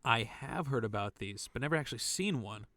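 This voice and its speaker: A man acts as a careful, questioning spaceship worker in a sci-fi audio drama. His voice is mid-pitched, with a dry, close sound. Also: expressive, a little fast, sharp tone, dry recording. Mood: curious, wary. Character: cautious, inquisitive, conscientious male spaceship salvage worker. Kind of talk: science fiction audio drama.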